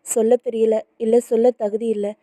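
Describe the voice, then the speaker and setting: A woman's voice: a little high, flat delivery, a little slow, warm tone, no room sound, clean studio sound, close to an everyday voice. A woman voicing an anxious young woman who talks politely and earnestly, in a storybook reading. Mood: regretful.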